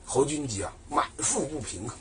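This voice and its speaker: A man's voice: mid-range voice, fairly quick, a crowd in the background. A man telling a history story in a chatty colloquial way, asking himself questions and answering them. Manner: lively, chatty, asks and answers his own questions.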